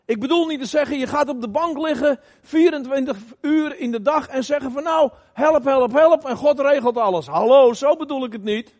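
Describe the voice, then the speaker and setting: A middle-aged man preaching an emphatic sermon in a church, asking the congregation questions and sometimes shouting. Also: extremely high pitch, fairly quick. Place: church hall. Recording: long reverb of a church hall.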